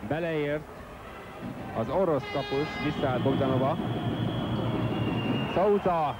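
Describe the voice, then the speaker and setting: A man giving excited, exclamatory live sports commentary on a handball match. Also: a little high. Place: sports hall, loud ambience behind. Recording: broadcast with loud arena noise.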